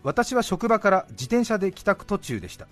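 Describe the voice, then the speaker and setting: A slightly high-voiced man hosting a studio radio show, chatting easily and reading listener mail. His pitch swings widely, and he plays the quoted lines with relish over faint background music. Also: fairly quick. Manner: lively, reads letters with playful voiced quotes. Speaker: radio host. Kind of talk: casual radio chat and reading listener letters. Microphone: studio microphone.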